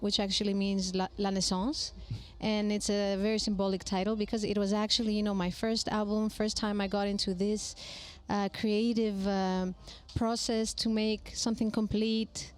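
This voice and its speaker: A Greek woman in her thirties, a singer, speaks English with a Greek accent as an interview guest in a small mobile studio at a festival. She sounds thoughtful and searches for words, her mid-range, darkish voice delivered flatly at a moderate pace with few pauses.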